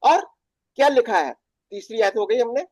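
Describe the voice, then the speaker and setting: A man's voice: extremely high pitch, lively intonation, normal speed, slightly rough, no echo. A man teaching a Bible study as pastor, mixing in English words and often restarting his phrases.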